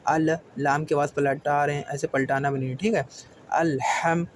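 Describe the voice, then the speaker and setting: A man leads a careful Quran recitation lesson. He breaks each word into letters and vowel marks. His slightly high voice keeps checking that the learner follows, over faint background ambience. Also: little pitch movement, slight background noise. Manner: patient, often asks "theek hai?", spells letters slowly. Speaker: Quran tajweed teacher. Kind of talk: slow step-by-step recitation lesson.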